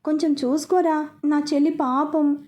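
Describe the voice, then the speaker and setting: A noisy, melodramatic young brother-in-law from an audio storybook, read by a woman. He grumbles loudly in a high, mellow voice. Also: steady tone, moderate pace, close to an everyday voice. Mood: complaining. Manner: complaining loudly.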